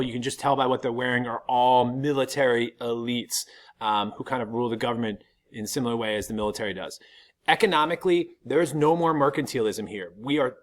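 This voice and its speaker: Middle-aged American male teacher, mid-pitched, colloquial and explanatory, delivering an informal slide lecture. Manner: explanatory, colloquial, frequent "like" asides. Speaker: history teacher.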